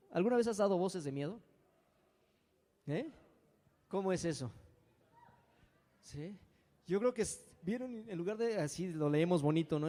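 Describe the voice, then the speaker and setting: A man's voice: high voice, warm tone. A man preaching a sermon as pastor, dramatic and acting out frightened voices. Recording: long hall reverb.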